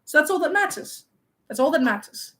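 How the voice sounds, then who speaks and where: Vain young male wizard played by a woman, high voice, playful, teasing, mock-offended, live-stream role-play host. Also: expressive, fairly quick, sharp tone. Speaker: livestream host.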